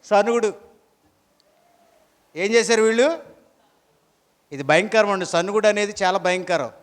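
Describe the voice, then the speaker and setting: A man's voice: sits high, measured pace, in a large hall. A pastor preaching a sermon, throwing rhetorical questions at his congregation.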